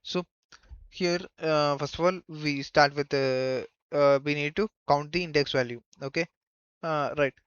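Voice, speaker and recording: Male tutor, unhurried halting delivery for a screen tutorial, dry and slightly dull recording. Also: a little high, a bit bright, smooth, no room sound. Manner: halting, thinking aloud while typing. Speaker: programming tutor. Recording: dull lo-fi microphone.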